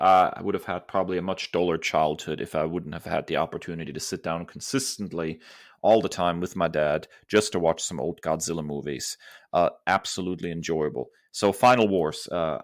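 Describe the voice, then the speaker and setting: A podcast co-host with a low voice delivers emphatic, opinionated, enthusiastic commentary on movies. The recording is dry, with clean studio sound.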